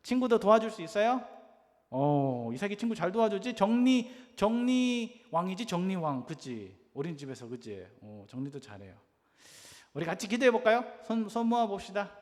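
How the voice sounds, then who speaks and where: A man giving a gentle children's sermon, telling a picture story and coaxing a small child with many questions. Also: high voice, sing-song, normal speed. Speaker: preacher for children. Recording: long hall reverb.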